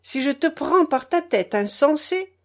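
A woman's voice: sits high, lively intonation, measured pace, voice pushed up. A woman playing a sneering, scolding shop clerk. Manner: scolding and ironic.

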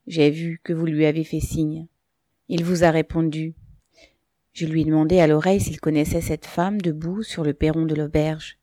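A woman voicing a thoughtful, quiet bearded male peasant who speaks low and pensively, read from a storybook. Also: flat delivery, moderate pace, dry recording, clean studio sound, natural voice.

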